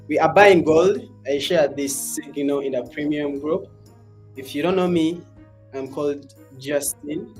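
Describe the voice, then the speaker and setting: Guy rambling slowly on a live stream, voice full of reverb echo, drifts off mic. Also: mid-range voice, darkish tone. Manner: loose, rambling, asks viewers for comments. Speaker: livestream trading host. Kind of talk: casual livestream chat to viewers. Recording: echoey stream audio with off-mic moments.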